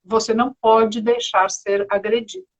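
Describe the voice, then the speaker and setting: A woman's voice: fairly high pitch, little pitch movement, moderate pace, dull audio. A woman hosting an interview, chatting and inviting her guest to explain. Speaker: host. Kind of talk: casual interview talk.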